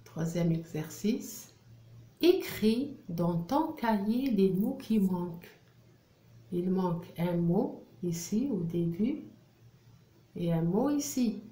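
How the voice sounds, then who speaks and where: A woman teacher, slowly drilling French syllables for young children and repeating each one. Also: medium pitch, expressive, mellow. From Algeria. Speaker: primary school French teacher. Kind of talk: reading lesson for young children. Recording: roomy echo.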